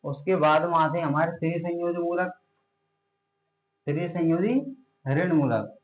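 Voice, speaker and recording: A man teaching a science lesson at a board, asking questions and answering them himself, drawing out the key words slowly. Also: on the high side, steady tone. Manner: repeats question-and-answer drills, slows on key terms. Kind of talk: classroom chemistry lecture at a board. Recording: echoey room.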